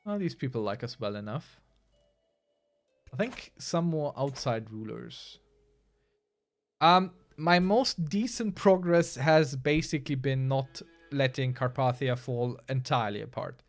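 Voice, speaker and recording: A man's voice: mid-range voice, measured pace, soft background music. A man casually commenting as he plays a strategy game, chatty and wry, answering his chat as he goes. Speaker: streamer playing a strategy game.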